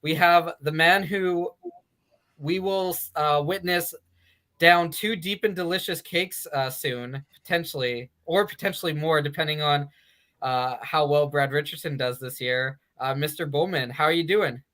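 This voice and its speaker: Brief: male podcast host, somewhat high voice, halting casual delivery full of fillers. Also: a bit bright. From Canada. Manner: halting, many uh fillers and restarts. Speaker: sports betting show host.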